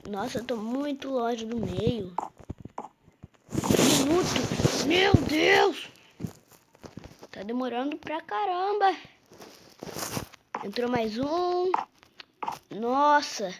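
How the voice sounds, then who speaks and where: A woman's voice: high-pitched, animated, slow, long pauses. A woman with a Brazilian Portuguese accent giving live gameplay commentary, impatient and repeatedly urging things along. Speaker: gameplay youtuber. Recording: loud background noise.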